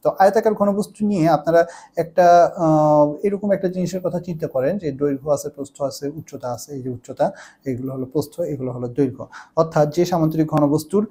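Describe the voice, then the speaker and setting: A man's voice: fairly high pitch, steady tone, quick pace, dark tone. A man teaching an online math lesson indoors, explaining with everyday examples and often checking in with the listener. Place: indoor room.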